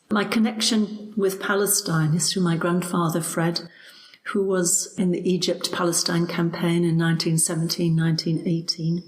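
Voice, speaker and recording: A woman in her seventies from Leeds with a Leeds accent, sending a recorded message of praise as a listener in an earnest, steady way. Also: fairly low pitch, low-quality recording. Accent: Northern English, Leeds. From England. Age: 70s.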